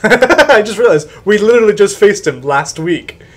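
Playful man with lively pitch swings. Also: moderate pace. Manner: playful, with sing-song sound effects. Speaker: gaming video host. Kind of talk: casual let's-play commentary.

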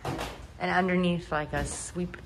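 A woman's voice: fairly low pitch, steady tone, takes it slowly. A woman vlogging casually while touring a house and garden, gushing and chatty. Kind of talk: casual vlog narration. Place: outdoors and indoors touring a house. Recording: noisy handheld camera audio.

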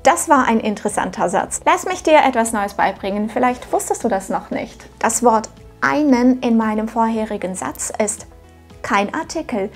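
Fairly high in pitch with lively intonation, this woman speaks at a moderate pace over faint music. A non-native German speaker in her thirties, she runs a channel teaching German through scripted lessons filmed at home, speaking to viewers directly with upbeat encouragement.

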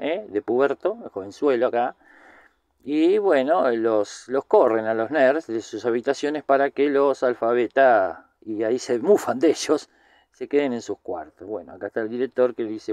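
Male film commentator, Rioplatense accent, mid-pitched, rambling casual recap, dry room. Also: a little mellow, no room sound. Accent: Rioplatense Spanish. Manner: rambling, chatty, many filler words.

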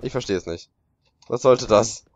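A man's voice: mid-range voice, moderate pace, lo-fi sound, background noise. A man commentating a video game as he plays, sarcastic and exclaiming, talking to his viewers. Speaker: let's play commentator. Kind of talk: gaming commentary.

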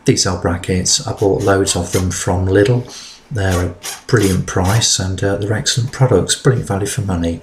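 A middle-aged man narrating his DIY build in a relaxed, practical way with fillers. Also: low voice, moderate pace, slight background noise. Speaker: DIY vlogger.

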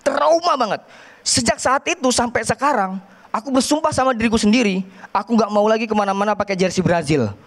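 A man's voice: high voice, brisk. A man performing a stand-up set on a TV studio stage, telling an exasperated story. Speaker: stand-up comedian.

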